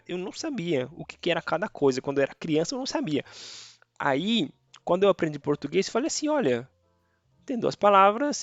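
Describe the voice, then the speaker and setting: Lo-fi, echo-free audio carries a high-pitched, slightly bright male voice. He's a native Spanish speaker teaching grammar casually online, chatting away and frequently checking on viewers with "tá" and "beleza."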